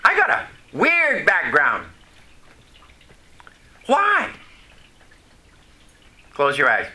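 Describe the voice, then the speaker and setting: A man who grew up in Vermont, USA, and learned French first gives a homespun sermon in a fairly high voice, pushed and bright, with huge swings in pitch. He frequently poses questions to the congregation and pauses between phrases.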